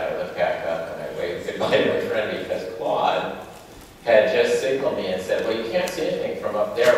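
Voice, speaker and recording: A man's voice: low-pitched, slight background noise. A man telling rambling anecdotes to a live audience. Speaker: panel speaker. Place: large indoor event hall. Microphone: far camera. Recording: echoey hall from far off.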